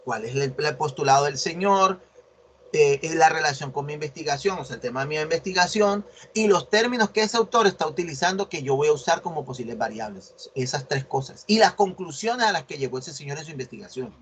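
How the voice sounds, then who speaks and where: A man's voice: a little high, animated, fairly quick, fairly bright tone, slight background noise. A male university teacher explaining a research assignment in an online class, correcting students and often checking whether they follow. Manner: corrective, asks "¿sí ven?" often.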